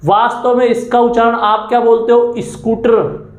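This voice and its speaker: A man's voice: extremely high pitch, flat delivery, a little fast, reverberant. A man from Haryana with a Haryanvi accent, teaching a maths class and reciting times tables in a repetitive lecture style. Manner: chants times tables, repeats phrases. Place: coaching classroom.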